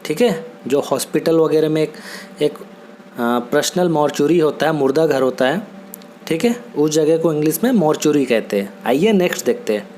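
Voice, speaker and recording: A man teaches vocabulary at an unhurried, patient pace. He repeats each word and keeps asking whether it is understood. A faint hiss runs under his voice. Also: on the high side, expressive, a little mellow. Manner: patient, repetitive, checks in with "theek hai?". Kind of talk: Hindi-language vocabulary lesson.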